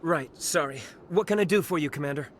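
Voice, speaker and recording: Male actor as a nervous young private, higher-pitched, stammering, for a game. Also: a little fast, fairly bright tone, a little hiss or hum, lightly acted. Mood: apologetic. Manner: stammering, flustered.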